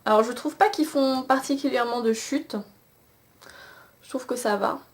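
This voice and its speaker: This is a beauty vlogger's casual makeup review, swatches included, captured on a camcorder mic. The young woman talks chattily with lots of fillers and restarts, in a high voice at a moderate pace.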